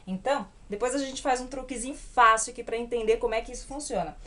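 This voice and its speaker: Woman, Brazilian Portuguese accent, English teacher, patient, frequent check-ins, slow careful examples, somewhat high voice. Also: sharp tone. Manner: patient, checks in often with tag questions; slows down to spell out English examples. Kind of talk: whiteboard grammar lesson.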